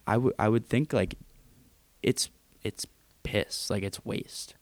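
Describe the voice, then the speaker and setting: Young man, gravelly voice, low pitch, dry close sound, casual profane podcast chat. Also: no echo. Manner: casual, profane, fast banter. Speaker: podcast co-host. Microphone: home computer mic with headphones.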